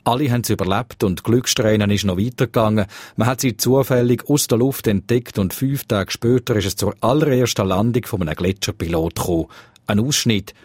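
A man with a Swiss German accent and a slightly husky voice, narrating a scripted radio feature as a reporter. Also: on the low side, fairly quick, a little mellow, no echo.

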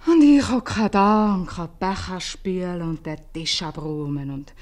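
In a 1950s radio comedy, a woman with a lowish, slightly mellow, natural voice plays a nagging innkeeper's wife with a Swiss German accent, speaking at normal speed. The character is plain-spoken, folksy, and the mother of a daughter. Her mood is bitter and scolding.

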